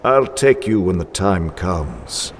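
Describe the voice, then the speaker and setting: An actor playing a menacing, commanding invisible avenger in a 1940s-style radio drama, theatrical and ominous. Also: male voice, deep voice, sing-song, slow, a little hiss or hum, exaggerated voice.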